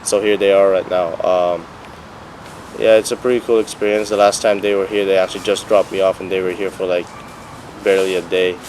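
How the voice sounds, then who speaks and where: A young man who grew up in Bahrain, a student giving a relaxed, casual testimonial with some fillers. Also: low voice, brisk, slight background noise, low-quality recording. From Philippines, raised in Bahrain. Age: young adult. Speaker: engineering student.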